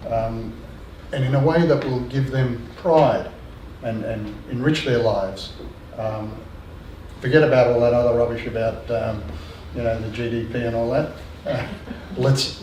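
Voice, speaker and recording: A man's voice: medium pitch, fairly even intonation, normal speed, darkish tone. An older man speaking earnestly on a discussion panel, hesitating with frequent ums and restarts. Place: lecture room. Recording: echoey room, distant mic, faint noise.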